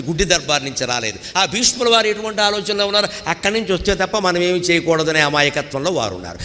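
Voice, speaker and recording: A man's voice: sits high, in a large hall. A man giving a devotional discourse, acting out the lines of the people in his stories. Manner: animated, acts out dialogue in quoted voices. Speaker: spiritual discourse speaker.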